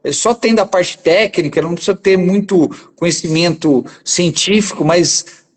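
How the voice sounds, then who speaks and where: A man's voice: sits high, normal speed. A man speaking as a guest dentist in a casual conversation, explaining steadily and ending many phrases with a tag question.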